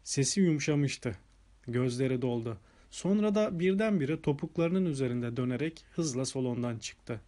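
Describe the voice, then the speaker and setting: A man calmly narrating a detective story as an audiobook. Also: medium pitch, normal speed. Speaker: audiobook reader.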